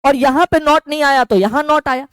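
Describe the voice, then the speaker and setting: A man with a Bihari Hindi accent teaching English grammar in an online lesson, drilling each form slowly and over again. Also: very high voice, dry recording. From Bihar, India. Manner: slow, repetitive drilling with lively rising and falling intonation.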